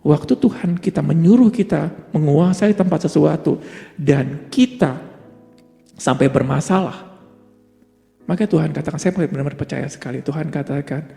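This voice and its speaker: A man's voice: a little high, gravelly, mellow. A man preaching a sermon, asking rhetorical questions and answering them himself, building to emphatic peaks and dropping English words into his talk. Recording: long hall reverb with faint music behind.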